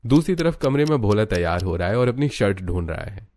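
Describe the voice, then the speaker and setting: A man narrating a cartoon family story in an even, low storytelling tone. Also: fairly quick. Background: faint music.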